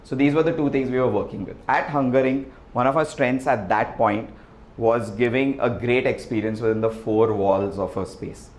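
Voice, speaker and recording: A man giving a relaxed, chatty presentation to an audience, often asking "right?". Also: medium pitch, normal speed. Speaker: restaurant founder giving a talk. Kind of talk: presentation with slides. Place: event hall with an audience. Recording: echoey hall, faint ambience.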